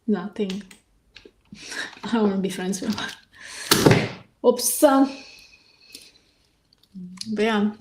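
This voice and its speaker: A woman's voice: mid-range voice, extremely slow, pauses often, background noise. A young woman ranting on a vlog, blunt, defiant and dismissive, and losing her voice. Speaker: vlogger. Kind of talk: casual vlog rant.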